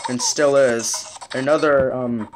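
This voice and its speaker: A speaker rambling casually and with excitable outbursts while commenting on their own video game play. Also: mid-range voice, takes it slowly, background noise. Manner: rambling, chatty, jumps between topics. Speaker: gameplay commentator.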